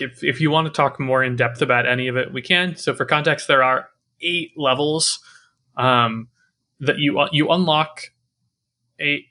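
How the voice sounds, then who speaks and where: Man, bright crisp-edged tone, middle pitch, podcast co-host, casual analytical game chat.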